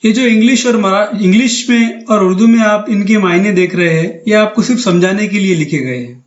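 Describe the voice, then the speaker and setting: A man's voice: high voice, brisk, roomy sound, dull audio. A man teaching a grammar lesson over slides, patient and methodical, repeating each term with synonyms.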